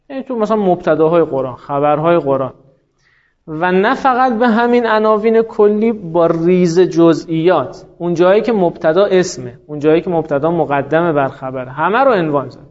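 A man teaching a grammar class, explaining patiently, quizzing his students and drawing out the words he quotes. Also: sits high. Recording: muffled lo-fi classroom recording.

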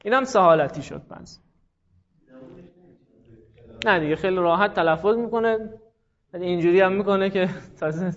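A man teaching a class, lively and encouraging, repeating examples slowly and praising his students. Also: high-pitched. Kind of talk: classroom lesson on Arabic morphology. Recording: dull lo-fi classroom recording.

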